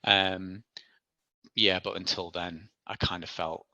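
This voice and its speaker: A man from the Isle of Man in his forties, with a deep, steady, bright and forceful voice, speaks slowly as a podcast guest. He tells his story in a chatty, self-deprecating, casual interview style, laughing often, on a dry recording.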